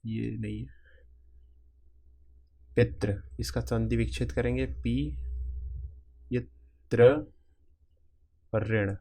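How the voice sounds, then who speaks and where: A man's voice: medium pitch, flat delivery, vocal fry, mellow. A man teaching a grammar lesson for exam students, breaking words into parts step by step and often checking in with the class. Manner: repetitive, keeps checking in with "ठीक है"; spells out word parts slowly, piece by piece.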